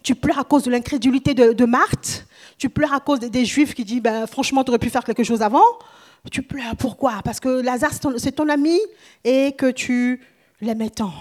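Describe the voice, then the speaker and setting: A woman preaching a sermon with Bible reading. She is dramatic, swinging between hushed whispers and loud exclamations, with chatty asides to the congregation. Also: sits high, normal speed.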